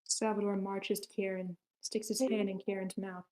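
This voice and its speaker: At a screenplay table read, a woman reads the stage directions in a mid-pitched, fairly flat voice. She moves through the short scripted lines at a moderate pace, sounding matter-of-fact.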